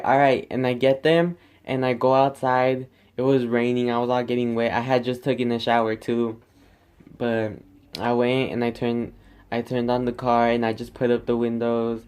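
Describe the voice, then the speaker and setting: Sarcastic young man ranting, smooth voice. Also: mid-range voice, a little mellow. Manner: sarcastic, exasperated, filler-heavy with lots of "like". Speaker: vlogger. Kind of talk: casual rant to camera.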